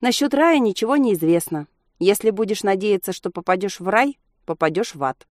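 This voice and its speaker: A woman's voice: mid-range voice, animated, fairly quick, a little mellow, no echo, clean studio sound, natural voice. A woman narrator voicing a blunt young woman who lectures emphatically, raising her voice for the figure. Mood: lecturing. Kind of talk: audiobook character voice.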